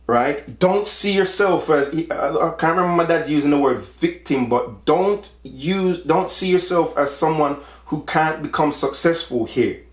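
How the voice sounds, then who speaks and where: A man's voice: fairly high pitch, unhurried, hardly any pauses, reverberant. A man in his forties from Jamaica, talking earnestly about his own life and often repeating words as he presses a point. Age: 40s. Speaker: podcast host. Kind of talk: personal monologue.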